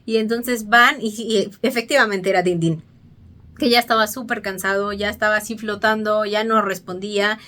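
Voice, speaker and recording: A woman's voice: medium pitch, steady tone, normal speed, pushed and bright. A woman, casually retelling a film's story to her viewers, chatty and full of fillers and restarts. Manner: chatty, acts out dialogue, frequent fillers and restarts. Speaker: vlogger.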